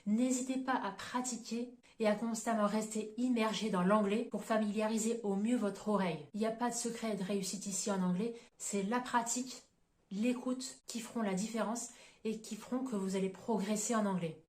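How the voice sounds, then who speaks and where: A woman explains English sounds in a patient, clear teaching manner, repeating each example so viewers can copy it. Her voice sits in a middle range and carries a noticeable room echo. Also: mid-range voice, fairly even intonation, normal speed, a little mellow. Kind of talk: online pronunciation lesson.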